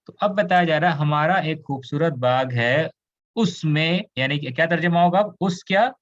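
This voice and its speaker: A man's voice: fairly high pitch, normal speed, dull audio. A man from India teaching an Arabic grammar class, explaining patiently, switching into English and asking students questions. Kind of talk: online class lecture.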